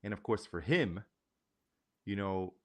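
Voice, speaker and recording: A man's voice: lowish voice, lively intonation, a little slow, gravelly, fairly bright tone. A man co-hosting a casual livestream podcast, agreeing readily and telling stories with animation. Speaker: podcast co-host.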